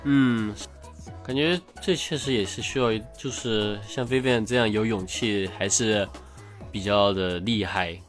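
A man's voice: lowish voice, measured pace, faint music behind. Rambling male podcast host. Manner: relaxed, rambling, many fillers and restarts, trails off quietly. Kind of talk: casual chat.

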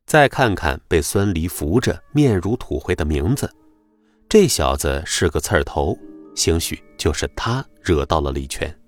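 A man narrating a web novel audiobook in an expressive storytelling manner. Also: deep voice, a little slow, faint music behind.

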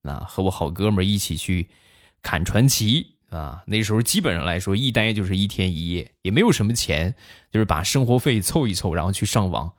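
A man telling comic anecdotes in a chatty way, pausing for his punchlines. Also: low voice, lively intonation. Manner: chatty storytelling with punchline pauses. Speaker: comic storyteller.

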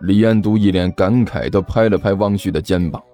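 A man narrating an audiobook in an animated storytelling manner. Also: sits low, brisk, faint music behind.

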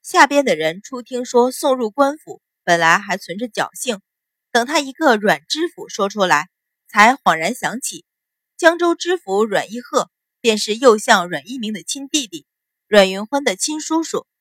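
A woman narrating a dramatic novel in a steady, vivid storytelling manner. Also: on the high side, moderate pace, dry recording. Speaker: audiobook narrator.

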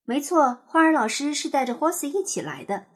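A woman reading a children's picture book aloud in an expressive, sing-song storytelling manner. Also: high voice, normal speed.

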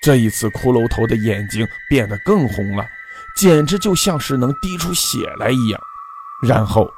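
A man's voice: medium pitch, expressive, moderate pace, background noise. A man narrating a folk ghost story in a dramatic, scripted way. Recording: faint background music.

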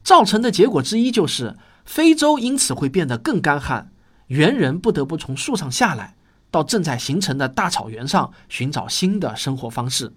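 A male narrator with a fairly high voice and very animated intonation. He delivers scripted popular science in the manner of a nature documentary, explaining step by step as if telling a story. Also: normal speed, breathy edge. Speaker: host of a popular science audio series.

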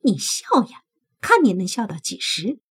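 A woman's voice: medium pitch, sing-song, unhurried, husky, heavily acted. A woman voicing a spiteful young man, a half-human monster who taunts and sneers, in an audiobook. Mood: sneering. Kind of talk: audiobook character voice.

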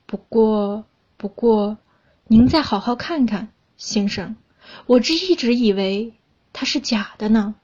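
A woman's voice: fairly high pitch, takes it slowly, a little mellow, slightly rough, dull audio. A woman voicing a flustered middle-aged male clerk who stammers in bewilderment, read aloud in a storybook telling. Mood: pleading.

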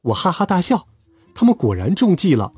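A man telling a children's story aloud in a lively, expressive way. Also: high voice, brisk, slightly rough, no room sound, clean studio sound, faint music behind.

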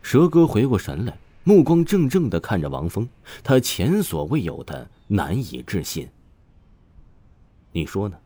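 A man's voice: lowish voice, wildly swooping pitch, moderate pace, hardly any pauses, breathy edge, no room sound. A man narrating an audiobook with dramatic storytelling. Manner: dramatic storytelling, voices all roles. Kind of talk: scripted narration. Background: soft background music.

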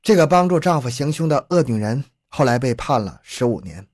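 A man reading a true-crime story as narrator in a steady storytelling delivery. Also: medium pitch, brisk, no echo, clean studio sound.

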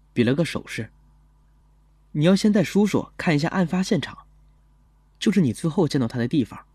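A man voicing a young police officer who tells his story in a calm, gentle, measured first-person narration for an audio drama. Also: a little high, slightly rough, no echo.

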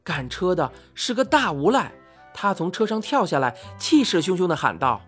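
A woman's voice: lowish voice, moderate pace, breathy edge. A woman telling a story in the first person, reading expressively and acting out the dialogue. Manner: lively, acts out the quoted lines. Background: faint music.

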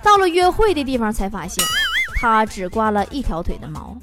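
A woman's voice: on the high side, sing-song, moderate pace, over loud music. A woman hosting a comic storytelling show, teasing her listeners and laughing at her own jokes. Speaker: host.

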